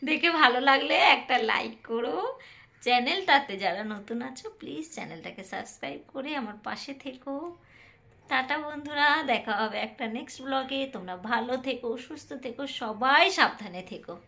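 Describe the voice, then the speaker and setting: A woman chats in a casual home vlog, her voice high and ringing bright. Her words rush out and tumble over each other. She is talking into a phone held in her hand while sitting in bed. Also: expressive, gravelly. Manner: rushed, tumbling speech. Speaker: family vlogger.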